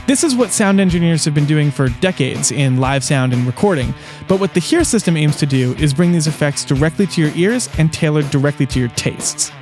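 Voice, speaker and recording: A man with a fairly high, dry, close-miked voice hosts a tech video. He delivers scripted narration in a wry, conversational way, with some music behind him. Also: expressive, brisk, darkish tone. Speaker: host and reviewer. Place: small soundproofed closet.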